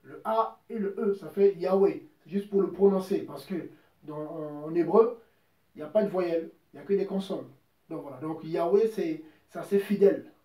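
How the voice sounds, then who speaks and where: A man's voice: high-pitched, moderate pace, warm tone, recorded from a distance. A man preaching an informal sermon, emphatic and repetitive, quoting scripture at length. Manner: emphatic, repeats words, quotes scripture at length. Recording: roomy echo, voice from off mic.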